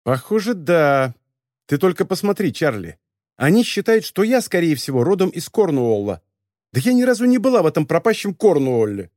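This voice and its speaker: Brief: playful invisible girl, raised lighter voice, teasing and quick-tongued, put on by a male reader. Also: on the high side, big pitch swings, a little mellow, dry recording, clean studio sound, voice pushed up. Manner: playful, mischievous. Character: cheeky chatty invisible teenage girl.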